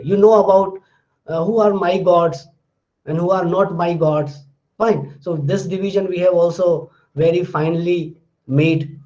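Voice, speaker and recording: A man from India, whose first language is Hindi, lectures on linguistics in a classroom with an Indian English accent. His high-pitched voice has a warm tone, and the highs are cut off. He works methodically, recapping terms and tagging his points with "fine."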